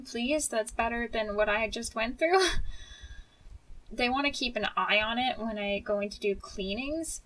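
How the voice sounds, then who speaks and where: A woman with a moderately high-pitched voice talks in a casual storytime vlog. Her delivery is informal and candid, with a mildly wry edge, as a video creator speaking to viewers. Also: a bit bright, far from the mic, a little hiss or hum, poor audio.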